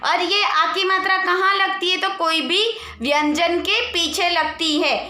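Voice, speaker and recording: Slow, high-voiced woman teaching young children. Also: fairly even intonation, pushed and bright, reverberant. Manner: slow, patient, spelling out letters one by one and asking the class questions. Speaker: primary school teacher. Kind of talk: online Hindi lesson for young children.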